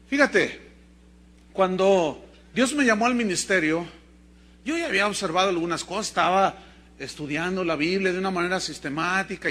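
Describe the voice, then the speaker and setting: A middle-aged man with a Mexican Spanish accent, a pastor preaching a sermon and acting out the voices in his own stories. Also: high voice. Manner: lively storytelling preacher, acting out dialogue.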